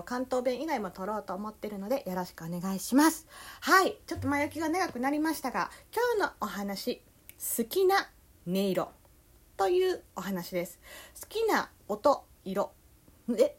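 A young woman with a Kansai accent hosting a relaxed solo talk show, meandering along with plenty of fillers. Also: on the high side, moderate pace. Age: young adult. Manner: easygoing, meandering, full of fillers. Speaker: podcast host.

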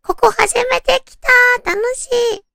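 Lady doing a clingy cute girlfriend, soft coy romantic one-liners, high swoopy voice. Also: animated, measured pace, gravelly, roomy sound, big-room sound, heavily acted. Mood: sweet, affectionate. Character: sweet, clingy young girlfriend cooing to her boyfriend.

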